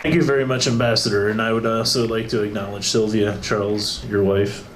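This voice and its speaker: A man's voice: lowish voice, flat delivery, fairly quick. A man emceeing an event, introducing speakers casually and stumbling over names. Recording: echoey hall with loud background noise.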